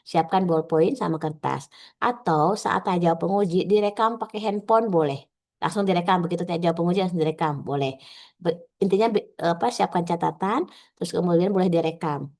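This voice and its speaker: A woman's voice: lowish voice, a little mellow. A woman coaching civil service trainees on a video call, giving step-by-step tips and acting out short sample exchanges. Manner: instructive, acts out quick sample dialogues with filler "eh". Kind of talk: online coaching session.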